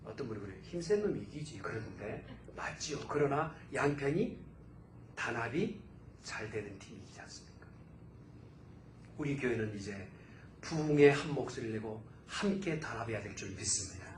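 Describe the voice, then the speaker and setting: A man pastor preaching a fervent sermon in a church, his voice swelling to loud exclamations. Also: medium pitch, expressive, moderate pace, a little hiss or hum. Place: church sanctuary. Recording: roomy church echo.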